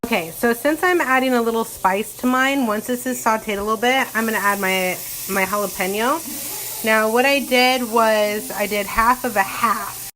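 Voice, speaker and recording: A woman's voice: a little high, normal speed, pushed and bright. A woman giving a casual, loose cooking demonstration, thinking aloud and wandering off on playful asides. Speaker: home cook hosting a cooking video. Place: home kitchen, recorded on a phone. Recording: noisy kitchen, clattering dishes and pans.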